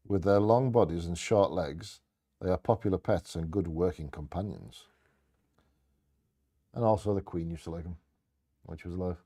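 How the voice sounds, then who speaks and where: Male co-host for bingo, low-pitched and warm, part scripted reading, part offhand chat. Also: breathy edge. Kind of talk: reading short fact blurbs with casual asides.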